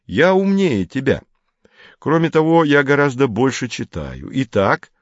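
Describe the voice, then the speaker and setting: A man's voice: medium pitch, very animated, measured pace, no echo, highs cut off, pitched above the performer's own voice. A man doing a smug, needling clever teenage boy. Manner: sweetly mocking, self-satisfied.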